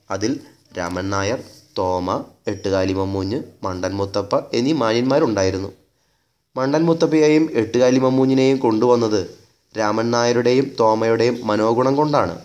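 Measured, wry male storyteller. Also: medium pitch, darkish tone. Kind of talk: dramatic story reading.

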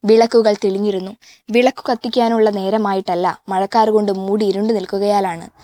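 A woman reading a novel aloud in a measured, even way, now and then stopping to correct a slip. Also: medium pitch. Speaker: audiobook reader.

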